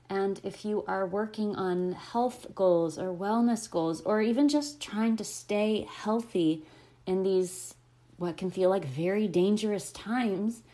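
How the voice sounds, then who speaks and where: A woman speaking as a podcast host and holistic coach, explaining spiritual wellness in a gentle, encouraging way. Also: fairly low pitch.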